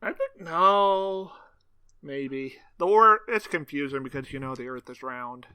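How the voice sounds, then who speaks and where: A man's voice: on the high side, animated, a little slow, pushed and bright, clear, resonant tone. A man co-hosting a TV podcast, wisecracking and laughing often in casual chat. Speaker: podcast co-host.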